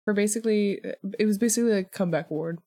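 A woman co-hosting a casual podcast, chatting with an animated, joking manner and quick self-deprecating asides. Her voice sits at an ordinary middle pitch for a woman. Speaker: podcast co-host. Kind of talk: casual chat.

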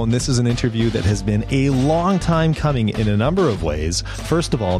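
A man with a French accent hosting an education podcast, eager and a little rambling, restarting his sentences. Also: fairly low pitch. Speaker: podcast host. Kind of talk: podcast interview.

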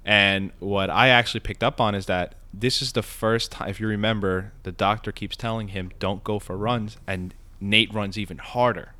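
A man hosting a casual podcast, animated and asking leading questions about a TV episode. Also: on the low side, normal speed, hardly any pauses. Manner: animated, asks leading questions, many fillers. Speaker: podcast host. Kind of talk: casual chat discussing a TV episode.

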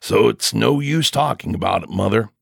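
A man reading an audiobook, voicing a heavy-set rural father of the house who speaks roughly and bluntly. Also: on the low side, animated, moderate pace, dry recording, studio quality, full character voice. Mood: relenting.

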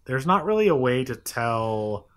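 A man's voice: medium pitch, very animated, unhurried, a bit bright. A young man in casual chat, thoughtful and hedging, often agreeing with his co-host.

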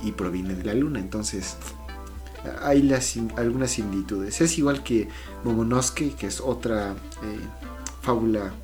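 A man's voice: mid-range voice, darkish tone. Man explaining folklore on a podcast. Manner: explanatory, with hesitant restarts. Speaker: podcast co-host. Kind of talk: casual podcast chat.

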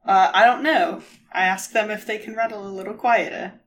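A woman's voice: mid-range voice, fairly even intonation, moderate pace, a little hiss or hum. A woman chatting casually as a player in a tabletop role-playing game.

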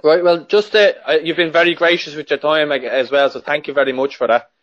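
A man's voice: on the high side, fairly even intonation, a little fast, fairly bright tone. A man interviewing casually, in slightly dull lo-fi audio.

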